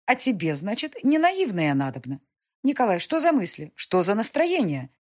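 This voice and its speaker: A woman voicing a domineering aristocratic countess who scolds her grown son, in a husky, high-strung, overbearing voice, as in a period audiobook. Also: huge pitch swings, moderate pace, darkish tone. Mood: scolding. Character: imperious aristocratic middle-aged countess mother.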